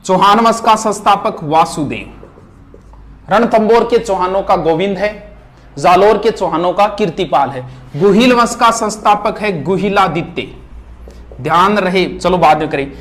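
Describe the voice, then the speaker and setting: A man teaching a history revision lesson at a board, reciting names and facts in quick lists. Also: high-pitched, a bit bright. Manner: rapid, list-like recitation. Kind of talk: fast exam revision lecture at a board. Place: classroom with board.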